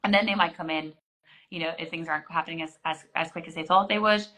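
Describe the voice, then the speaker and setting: Bright-voiced woman GP in her forties. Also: sits low, steady tone, fast talker, rough recording. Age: 40s. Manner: explanatory, frequent restarts and fillers. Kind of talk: conversational interview answers.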